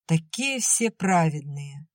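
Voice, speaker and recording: A stern older sister with a sharp, scolding tongue, read by a woman. She talks curtly and irritably. Her voice is low and dry, close to the mic. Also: animated, slow, no echo, heavily acted. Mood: angry.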